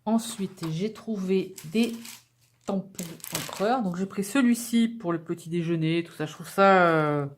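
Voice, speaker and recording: A woman's voice: mid-range voice, a little slow, dark tone, husky. A woman vlogger chatting casually to camera as she unpacks a craft-supply haul, upbeat and full of little fillers. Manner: chatty and enthusiastic, with many fillers.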